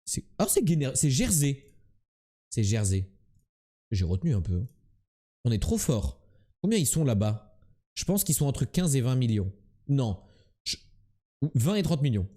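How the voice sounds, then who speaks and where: Loud teasing male streamer, mellow voice. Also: medium pitch, sing-song, unhurried, pauses often. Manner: loud, teasing, talks to chat. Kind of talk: live-streamed quiz game chat.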